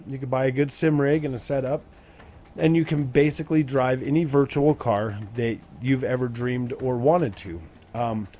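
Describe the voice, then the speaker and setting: A man's voice: mid-range voice, dark tone, a little hiss or hum. A man in his forties hosting his gaming channel, chatting casually and rambling with many fillers while he plays a racing game. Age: 40s. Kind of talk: casual commentary while playing. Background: racing game engine sounds.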